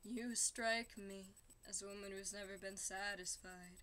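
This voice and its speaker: A woman voicing a brash young male revolutionary, rapping rapidly in a lowered voice along to a musical. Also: steady tone, bright, forceful tone. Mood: confident. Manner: rapid rapping, low put-on voice.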